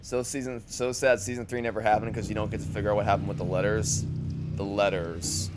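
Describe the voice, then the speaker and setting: Low-voiced man rambling over gameplay. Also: level tone, fairly quick, over music. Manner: rambling, repeats words as he thinks. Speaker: streamer. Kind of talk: live gameplay commentary.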